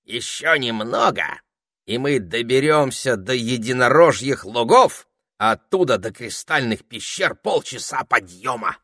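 A man's voice: mid-range voice, animated, unhurried, sharp tone, dry recording, studio quality, pitched above the performer's own voice, full character voice. A man voicing a bossy, fussy talking male parrot in an audiobook, with theatrical, indignant outbursts. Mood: cheerful. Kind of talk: audiobook character voice.

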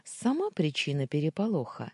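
A woman narrating a first-person story, expressive and giving the dialogue its own voices. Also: low-pitched, moderate pace, husky, no room sound. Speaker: audiobook narrator.

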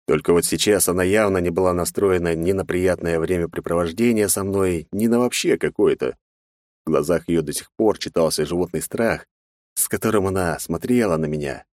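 A man's voice: low-pitched, darkish tone, dry recording, clean studio sound. A man narrating a first-person fantasy audiobook with a wry inner monologue.

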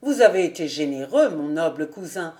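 A woman voicing a fawning male cousin who exclaims with theatrical flattery in an audiobook. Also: deep voice, normal speed, voice pushed down. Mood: effusive.

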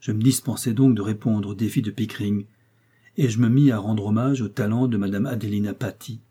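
Mellow husky male audiobook narrator. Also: lowish voice, steady tone. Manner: measured, literary reading. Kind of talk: scripted first-person novel narration.

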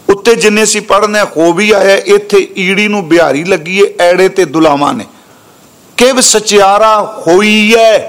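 Guy giving a religious talk, fairly high voice, draws out the verses slow then chats through the meaning. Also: a bit bright. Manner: chants quoted verses slowly, then explains in quick conversational speech; addresses listeners respectfully, correcting pronunciation. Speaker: Sikh preacher. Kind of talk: scriptural exposition sermon.

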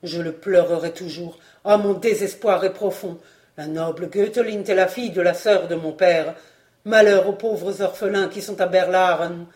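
Grieving proud warrior king, done by an audiobook reader, lamenting, emphatic, middle pitch. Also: moderate pace, a little mellow, natural voice. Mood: grief-stricken. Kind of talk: audiobook reading.

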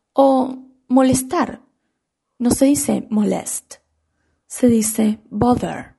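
A woman giving a scripted radio lesson as an English teacher, slowing down to spell out example words. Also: fairly high pitch, gravelly, dark tone, slightly rough.

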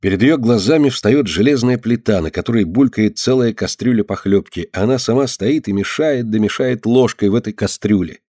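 A man's voice: lowish voice, a little fast, few pauses, dark tone, no room sound. Man narrating an audiobook, dry close sound. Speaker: audiobook reader. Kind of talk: scripted narration.

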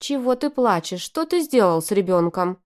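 A woman voicing a shrill, scheming young woman who shrieks indignantly at her ex. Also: very animated, moderate pace, close to an everyday voice.

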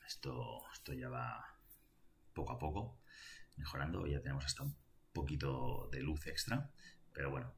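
A man delivers a calm personal reflection, pausing often and circling back to his words. His voice sits very low but comes across bright and forceful. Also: a little hiss or hum. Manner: thoughtful, halting, with many fillers. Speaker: vlogger giving reflections. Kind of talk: casual spoken reflection.

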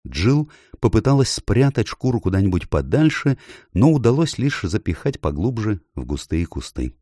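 A man narrating a children's book aloud with expressive storytelling. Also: on the low side, normal speed, no room sound, studio quality. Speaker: audiobook narrator. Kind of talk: scripted narration.

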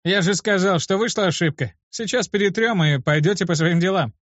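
A man voicing a calm, commanding male gang leader who speaks firmly, in an audiobook reading. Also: high-pitched, fairly quick, dry recording, muffled recording, voice pushed up. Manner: firm, settling things.

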